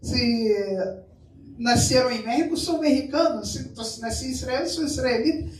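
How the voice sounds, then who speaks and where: Speaking at normal speed in a very high-pitched voice, a man from Brazil preaches, switching between Portuguese and Spanish as he questions his listeners. The mic sits far away in an echoey room, with faint noise in the background.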